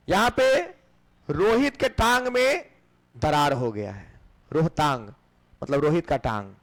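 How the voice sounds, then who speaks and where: Male coaching teacher, high, animated delivery, quizzes his class and answers himself. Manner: asks questions and answers them himself. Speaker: exam-prep teacher. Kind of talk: classroom lecture with memory tricks.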